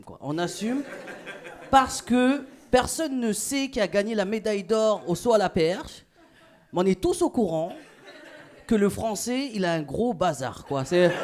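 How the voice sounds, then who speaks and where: A man's voice: sits high, unhurried. A man doing stand-up comedy in a club, talking in a casual, slangy way and chatting with the crowd. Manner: casual slangy, animated, laughing through punchlines.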